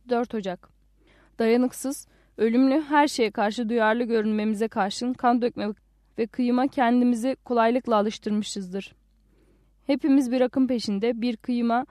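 Calm, higher-pitched woman narrating a novel. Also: dry recording, clean studio sound. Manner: calm, reflective first-person reading. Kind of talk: audiobook narration.

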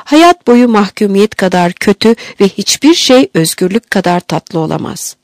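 A woman's voice: medium pitch, animated, normal speed, a little mellow, no echo, natural voice. Woman reader voicing an old army corporal, loyal, earnest, deferential, raised voice, dry close sound. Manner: earnest, deferential, says "sir" often.

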